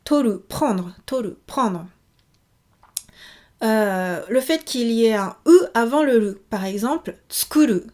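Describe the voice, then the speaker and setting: A woman's voice: fairly high pitch, animated, slow, dark tone. A woman giving a casual video lesson, chatty, with many fillers, repeating each example word. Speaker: Japanese teacher.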